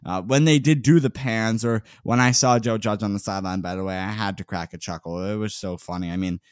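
A man's voice: fairly low pitch, fairly even intonation, brisk, clear, resonant tone, dry recording. Casting: male sports podcast co-host, chatty, laughs often, dry close-mic sound. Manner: chatty, laughs often, reads player lists. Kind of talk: casual sports podcast recap.

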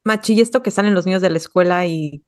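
A woman's voice: on the low side, quick pace, a little mellow, no echo, clean studio sound. Woman host asking rambling questions. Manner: asks long, rambling questions. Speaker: podcast host. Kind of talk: casual podcast conversation.

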